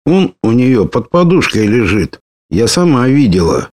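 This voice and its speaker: A man voicing a lively, bold young woman warrior who talks brashly and teases. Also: mid-range voice, a little slow, dry recording, clean studio sound, pitched above the performer's own voice. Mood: indignant. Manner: brash, teasing, excitable.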